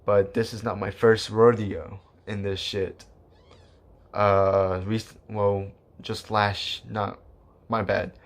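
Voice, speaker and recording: Young male vlogger, lower-pitched, loose rambling storyteller with lots of fillers. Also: flat delivery, slow. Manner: rambling, many fillers and restarts, casual swearing. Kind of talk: casual storytelling to camera.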